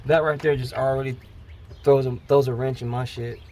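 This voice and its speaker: Man, casual work chat, animated, slangy, birds and faint outdoor ambience. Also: medium pitch, normal speed, a little hiss or hum. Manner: animated, slangy, says "man" and "bro" a lot. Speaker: vlogger working on his brother's truck. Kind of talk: casual chat while working.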